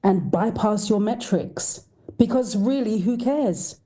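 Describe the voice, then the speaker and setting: Slow, dark-voiced woman voice coach. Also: medium pitch. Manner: emphatic, coaching, rhetorical questions. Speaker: guest, voice coach. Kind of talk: podcast interview.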